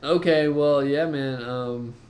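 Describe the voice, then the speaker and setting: A man's voice: mid-range voice, slow pace, darkish tone, close to an everyday voice. A man doing a laid-back robot townsman. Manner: casual, rambling, says "man" and "dude". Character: chatty robot townsman who turns into a cart.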